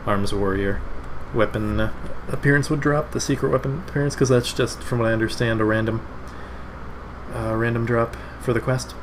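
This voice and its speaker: A man livestreaming a game in casual, rambling and halting chat. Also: medium pitch, fairly even intonation. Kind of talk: casual stream chat over gameplay. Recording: game music, fan noise behind. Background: game music and a fan.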